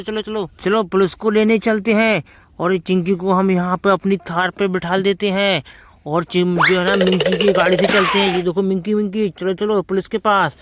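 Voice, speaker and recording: High-voiced excited man narrating toy play. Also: heavy background noise. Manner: excited, keeps calling out to children, makes vehicle sounds. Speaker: toy video narrator for children.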